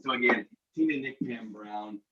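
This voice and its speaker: A man giving casual remarks on a video call. His voice sounds hollow and muffled, as if he were talking in a cave, and he speaks haltingly with restarts and filler sounds. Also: medium pitch, sharp tone, husky. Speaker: meeting presenter.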